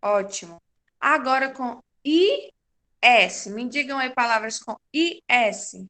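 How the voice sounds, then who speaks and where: A woman teacher, giving a patient, slow-paced class to young children and confirming their answers. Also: on the high side, animated, bright, forceful tone. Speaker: primary school teacher.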